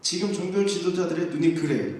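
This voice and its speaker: A young man preaching to a youth group, telling the story lively and acting out the voices of the people in it. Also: fairly high pitch, a little fast. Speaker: youth pastor. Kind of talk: youth sermon. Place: church sanctuary. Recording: echoey church hall, distant mic.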